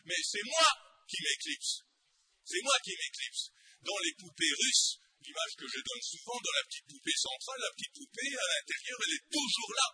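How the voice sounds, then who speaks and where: Male preacher, very bright and sharp tone, dry close sound; impassioned sermon, rhetorical questions. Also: extremely high pitch, huge pitch swings, normal speed, no echo.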